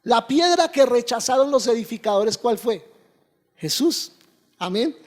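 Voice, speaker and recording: A pastor preaching a sermon, asking the congregation questions and answering them, with frequent amens. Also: male voice, extremely high pitch, lively intonation, measured pace, a little mellow. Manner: preaching with call-and-response questions and repeated amens. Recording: long hall reverb.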